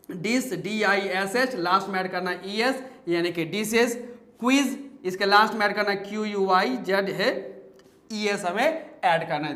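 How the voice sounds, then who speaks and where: A man's voice: high voice, a bit bright. Echoey male teacher spelling words aloud. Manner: spells words letter by letter, asks questions and answers them himself. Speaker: English teacher. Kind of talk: classroom-style lesson. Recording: echoey room.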